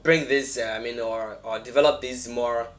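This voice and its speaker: A young man with a Ghanaian accent and a medium-pitched voice hosts a casual podcast. He talks conversationally and repeats phrases to drive a point home. Music plays behind his voice. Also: fairly even intonation, moderate pace. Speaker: podcast host.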